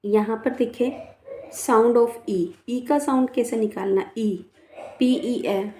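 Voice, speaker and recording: Slow, mellow woman teaching children phonics. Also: a little high, roomy sound, slight background noise. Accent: Rajasthan Hindi. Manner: slow, spells words letter by letter and repeats them; coaxing, often adds 'है ना' and 'बेटा'. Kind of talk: children's English phonics lesson.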